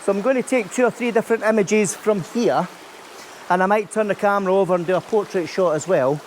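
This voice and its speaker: Chatting briskly in a high voice, a Scottish vlogger and landscape photographer explains things as he goes beside a stream under a bridge. A little hiss or hum sits under the audio.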